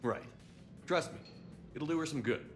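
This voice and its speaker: An actor playing a calm male military commander with dry humor. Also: fairly high pitch, normal speed, soft background music, close to an everyday voice.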